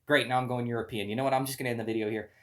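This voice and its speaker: A man's voice: mid-range voice, rapid-fire. Goofy man calling toy car races. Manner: goofy, excitable, with loud countdowns. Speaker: race commentator. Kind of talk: playful toy race commentary.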